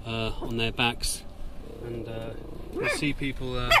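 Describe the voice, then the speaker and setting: A man with a mid-range voice hosting a deadpan mock-conspiracy video. He hesitates and fills gaps with ums, with a mock-secretive tone. Loud outdoor noise runs behind him. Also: medium pitch, unhurried. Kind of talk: deadpan comedy mockumentary. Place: outdoors in the countryside.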